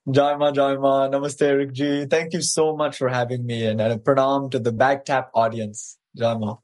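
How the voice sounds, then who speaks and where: A man's voice: mid-range voice, level tone, moderate pace. Young guy, guest on a video call, articulate, laughs a lot. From Malaysia. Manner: articulate, warm, laughs often. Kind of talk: conversational interview.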